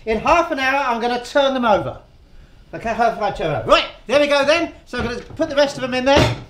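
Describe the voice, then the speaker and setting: A man's voice: very high-pitched, expressive, fast, a bit bright. A man hosting a casual cooking demonstration, chatty and rambling and laughing often as he tells jokes. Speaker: cooking show host. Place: outdoors, windy. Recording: echoey with faint ambient noise.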